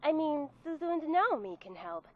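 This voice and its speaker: Brief: a woman playing a busy, loving mother, high and animated. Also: muffled recording. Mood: affectionate. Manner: affectionate, hurried. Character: warm busy middle-aged mother on a phone call.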